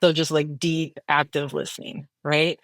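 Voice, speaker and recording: A low-voiced woman talks casually and reflectively as a podcast guest, often tossing in filler words and quick check-ins. The recording is dry and close. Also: little pitch movement, no echo. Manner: reflective, casual, frequent "like" and "right?". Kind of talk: conversational interview answer.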